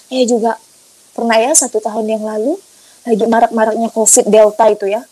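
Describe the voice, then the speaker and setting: A woman telling her personal faith testimony in an animated, emphatic way, speaking colloquially and often acting out what people said. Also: a little high, fairly quick, dry recording, poor audio. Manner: animated, emphatic storytelling with acted-out quotes; colloquial and repetitive. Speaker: guest giving a testimony.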